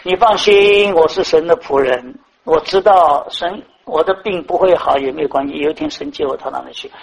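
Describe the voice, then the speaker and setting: A man preaching in Chinese who briefly voices a dying old prophet, calm and faithful, in his own sermon voice. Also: fairly high pitch, a little fast, vocal fry, breathy edge, exaggerated voice, rough recording.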